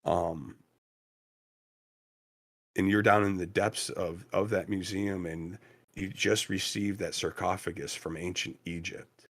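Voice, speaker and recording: A man with a very deep voice chats about game design. He is emphatic and hammers key words through repetition. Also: fairly even intonation, takes it slowly, long pauses, a bit bright. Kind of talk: casual chat.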